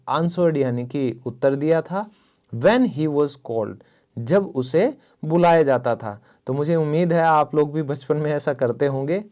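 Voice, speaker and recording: A young man with an Indian accent teaching an English reading lesson. He reads the English slowly, word by word, and then explains it in quick, friendly speech. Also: on the high side, mellow.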